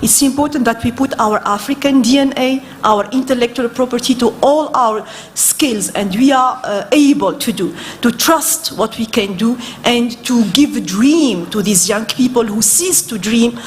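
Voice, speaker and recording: A woman's voice: a little high, normal speed, few pauses, slight background noise. Woman listing points on a panel. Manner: lists points by number, hesitant fillers. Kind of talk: panel discussion remarks. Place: conference hall.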